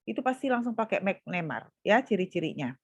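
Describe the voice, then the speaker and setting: A woman's voice: medium pitch, very animated, fairly quick, slightly rough, no echo, dull audio. A woman university lecturer teaching statistics over a video call, calling on students by name and patiently prompting them to answer.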